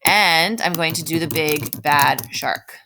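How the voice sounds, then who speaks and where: Speaking slowly in a low, sharp-toned voice, a woman teaches writing to elementary students in an informal, step-by-step way. She explains as she thinks aloud, frequently asking "right?", and there's slight background noise.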